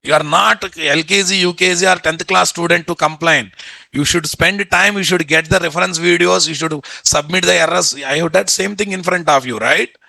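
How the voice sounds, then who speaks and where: Male online instructor, Telugu Indian accent, slightly high sharp voice, blunt and repetitive, dry close sound. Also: moderate pace, vocal fry, no room sound, low-quality recording. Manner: blunt, scolding, repeats phrases and rhetorical questions. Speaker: software instructor. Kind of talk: live online class, informal teaching with screen share. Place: indoor room, online video call.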